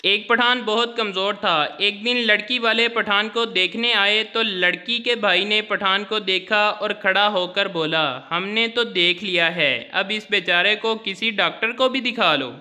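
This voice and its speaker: A man's voice: sits high, unhurried, hardly any pauses, pushed and bright. A man telling a run of short jokes, dropping his voice for quoted lines. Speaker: joke narrator.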